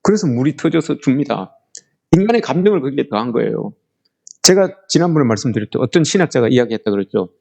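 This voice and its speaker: Lively, animated male preacher. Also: medium pitch, fast, creaky. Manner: addresses the congregation as 'everyone' constantly, acts out quoted complaints; conversational preaching in polite speech. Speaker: pastor. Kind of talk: sermon.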